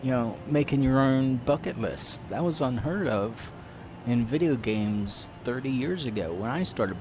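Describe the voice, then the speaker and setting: A man's voice: fairly low pitch, background noise. A man in his fifties chatting casually to his live stream audience while playing a racing game. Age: 50s. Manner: chatty, rambling, talks to live chat. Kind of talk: casual gameplay commentary.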